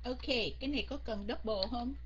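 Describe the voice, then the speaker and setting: A woman's voice: fairly high pitch, fairly quick, lo-fi sound, background noise. A woman teacher leading an online English grammar lesson, coaxing and quizzing her students and slipping English words in.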